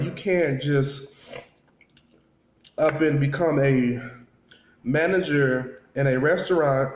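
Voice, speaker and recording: A man with a slightly high-pitched voice talks casually to viewers over food. He chews while he talks and slips into quoted dialogue as he recounts things, repeating himself for emphasis. The sound is clearly roomy and echoing. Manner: talking while eating, chewing between phrases; conversational, acts out reported dialogue, repeats for emphasis. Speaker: vlogger.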